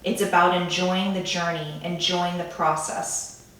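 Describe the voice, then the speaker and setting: Echoey, calm woman guiding a grounding meditation. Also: on the low side. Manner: gentle, soothing, unhurried phrasing with pauses. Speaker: meditation guide. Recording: echoey room, distant from the mic.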